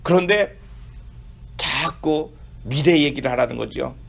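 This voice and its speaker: A man's voice: mid-range voice, slow, gravelly, husky. A middle-aged man preaching a sermon as pastor, building emphasis on key points and acting out quoted questions.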